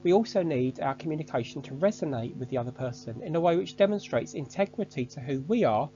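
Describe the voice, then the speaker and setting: Gravelly man giving a lesson. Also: a little high, expressive, mellow, highs cut off, slight background noise. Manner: measured, structured delivery. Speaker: course instructor. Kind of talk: scripted online lesson.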